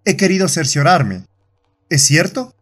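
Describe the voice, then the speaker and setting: Man doing a stern, probing gentleman. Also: on the high side, very animated, unhurried, exaggerated voice. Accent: Latin American Spanish. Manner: probing, then stern and warning. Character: stern, curious gentleman companion.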